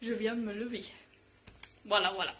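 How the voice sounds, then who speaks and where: In her apartment's home kitchen, a woman vlogger chats informally about cooking in a slangy, scattered way, often interrupting herself. Her voice is medium-pitched, steady, and a bit bright at normal speed, and the noisy recording picks up clattering pots and dishes.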